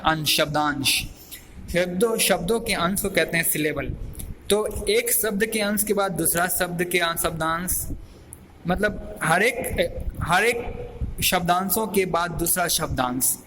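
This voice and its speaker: A man teaching an English chapter. He reads each English line slowly, then explains it phrase by phrase, asking questions and answering them himself. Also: sits high, noisy background.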